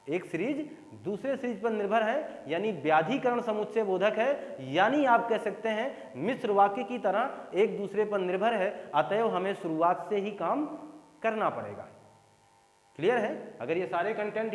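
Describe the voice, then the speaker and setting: Male teacher, high voice, hall reverb, drills examples over and over. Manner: explains by repeating examples, asks students if clear. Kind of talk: grammar lesson for exam prep.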